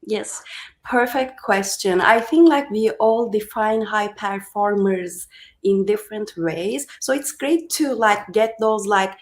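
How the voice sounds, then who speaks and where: A woman's voice: mid-range voice, slow. A woman in her thirties from Turkey, a coach speaking as a podcast guest in casual talk, articulate and often using "like". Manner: articulate, uses "like" as filler. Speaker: guest, high performance coach.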